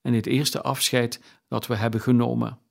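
A man's voice: medium pitch, flat delivery, moderate pace, gravelly, close to an everyday voice. A man reading a kindly poor clerk father. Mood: earnest, fatherly.

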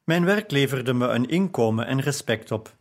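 A man reading a novel aloud in measured first-person narration. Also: medium pitch, animated. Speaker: audiobook narrator.

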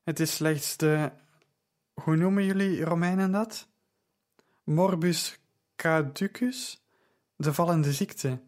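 A woman's voice: deep voice, slow pace, pauses often. Man reading as young woman dye seller. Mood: calm reassuring. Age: young adult. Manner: gentle, reassuring, knowledgeable.

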